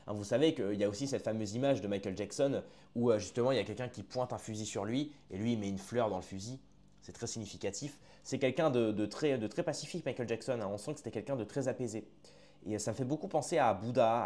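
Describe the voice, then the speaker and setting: A man's voice: fairly low pitch, a little mellow. A man giving casual reaction commentary to his online viewers, chatty and often restarting his sentences, calling the audience his friends.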